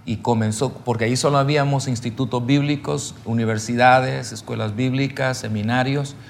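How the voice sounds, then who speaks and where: Pastor man with gravelly voice. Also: mid-range voice, steady tone, normal speed, slight background noise. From El Salvador. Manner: emotional storytelling, addresses listeners as brothers. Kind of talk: sermon testimony. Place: church or seminar hall.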